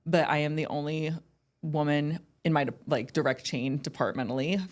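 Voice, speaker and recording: A woman's voice: low-pitched, moderate pace. Chatty young woman full of "like". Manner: chatty, upbeat, lots of "like" and "um". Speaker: guest, ballpark entertainment manager. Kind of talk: casual interview chat.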